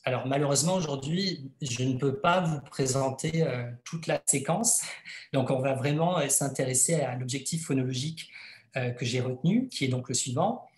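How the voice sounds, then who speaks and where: A man's voice: mid-range voice, normal speed, darkish tone. A man presenting his book in an educational webinar, speaking hesitantly with frequent filler sounds. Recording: echoey room.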